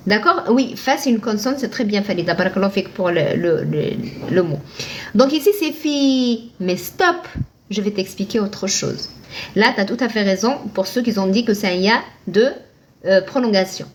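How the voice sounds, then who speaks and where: A woman's voice: mid-range voice, lively intonation, normal speed, a little hiss or hum. A woman teaching Arabic reading live online, patient, posing questions and answering them herself, thanking viewers by name.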